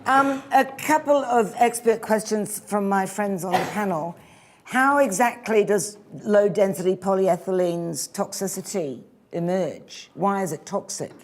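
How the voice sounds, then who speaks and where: Woman judge, direct questions, mid pitch, faint background hiss. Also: measured pace. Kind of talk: panel questioning.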